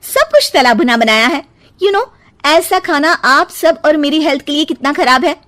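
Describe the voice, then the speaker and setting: A woman voicing a fussy, fitness-obsessed young wife with a chirpy, slightly ditzy manner and a high voice. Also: animated, normal speed, a bit bright, no echo.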